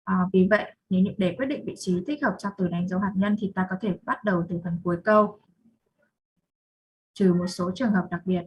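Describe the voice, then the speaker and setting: Young vietnamese woman doing a class presentation, kinda husky, reads then explains. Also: lowish voice, brisk, dull audio. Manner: reads slide definitions then restates them. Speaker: student presenter.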